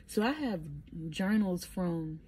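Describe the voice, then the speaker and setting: A young woman telling stories in a casual diary-style vlog, animated and emphatic, recorded on a phone. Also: mid-range voice, slow pace, slight background noise. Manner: animated storytelling, emphatic and encouraging. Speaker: vlogger.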